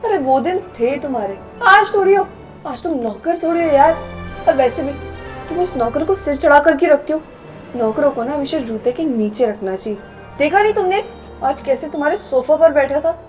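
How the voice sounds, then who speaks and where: A woman's voice: high-pitched, animated, a little fast, faint music behind. A young woman acting in a scripted skit, talking in a scornful, scolding, arrogant way. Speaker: actress in a short drama.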